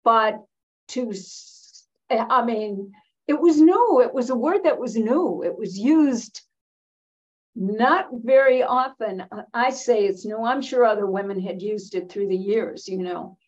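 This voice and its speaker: Slow, emphatic older American woman. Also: a little high, expressive, highs cut off. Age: 70s or older. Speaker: interview guest, veteran feminist activist. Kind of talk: reflective interview conversation.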